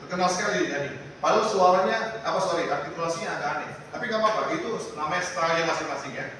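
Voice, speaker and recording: A man's voice: fairly high pitch, very fast, fairly bright tone. A man teaching a singing lesson, asking his class many questions in a chatty way. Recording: echoey hall, mic far off, noisy.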